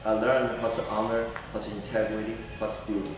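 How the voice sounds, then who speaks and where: A middle-aged man from Taiwan, earnestly answering a panel's questions with many fillers and pauses. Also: on the low side, flat delivery, recorded from a distance. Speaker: political candidate. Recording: echoey hall recorded from afar.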